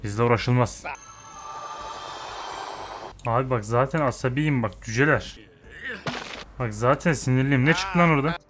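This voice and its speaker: A young man giving casual, excitable gameplay commentary, chatting to and scolding the game characters with playful swearing. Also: medium pitch, normal speed, pauses often, music in the background. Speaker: gamer.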